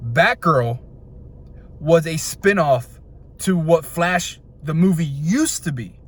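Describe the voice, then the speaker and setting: A young man hosting an opinion video, venting in a frustrated, animated way and jumping from point to point. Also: fairly high pitch, slight background noise. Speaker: video host.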